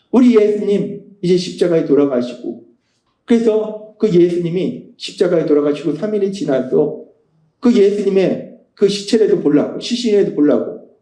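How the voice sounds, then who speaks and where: A man's voice: high-pitched, mellow, echoey room, poor audio. A male pastor delivering a sermon, repeating key phrases and asking rhetorical questions with emphasis.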